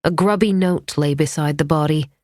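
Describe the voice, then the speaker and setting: A woman narrating a mystery thriller audiobook in a measured, tense storytelling manner. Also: low voice, darkish tone, no room sound. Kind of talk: scripted narration. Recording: dry studio audiobook.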